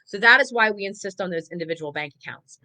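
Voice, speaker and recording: A woman's voice: medium pitch, quick pace, poor audio. A woman who manages rental property, talking casually and animatedly on a live stream. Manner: chatty, animated, acts out dialogue with clients.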